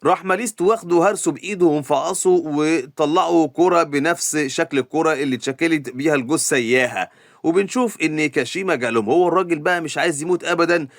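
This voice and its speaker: A man's voice: fairly high pitch, quick pace, no room sound, clean studio sound. A man with an Egyptian Arabic accent narrating an anime recap casually, with joking asides to the viewers.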